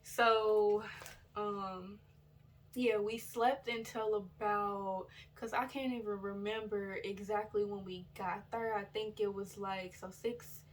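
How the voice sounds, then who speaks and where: A woman's voice: mid-range voice, slow pace, slight background noise. Chatty woman vlogging, a little distant. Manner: rambling and loose, with many fillers and self-corrections; chatty and relaxed, addresses viewers directly. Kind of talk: casual storytelling vlog. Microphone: built-in device camera mic.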